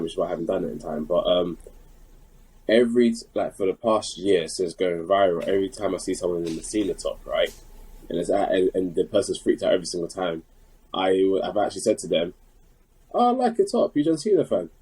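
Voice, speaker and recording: Husky low-voiced South London man. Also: rough recording. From England. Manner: rambling, lots of restarts, animated storytelling. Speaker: podcast co-host. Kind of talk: casual chat.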